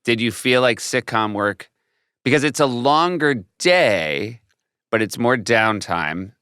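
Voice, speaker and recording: A man's voice: medium pitch, expressive, slow pace, sharp tone, clear, resonant tone, dry recording, clean studio sound. A man hosting a casual, conversational interview in a wry, joking manner. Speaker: interview host.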